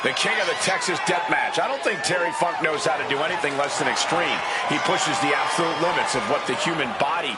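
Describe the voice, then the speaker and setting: High-voiced male wrestling play-by-play man. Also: fairly quick, few pauses. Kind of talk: excited sports commentary. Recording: very loud arena crowd and noise.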